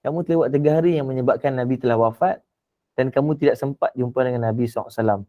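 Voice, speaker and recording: A man voicing a gentle companion breaking sad news. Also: mid-range voice, fairly even intonation, rapid-fire, highs cut off, natural voice. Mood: solemn.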